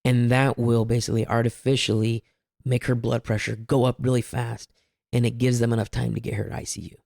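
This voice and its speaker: Man, gravelly voice, candid rambling story, dry close sound. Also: mid-range voice, little pitch movement, brisk, darkish tone, no room sound. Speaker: guest, husband telling a family testimony. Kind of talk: casual personal storytelling.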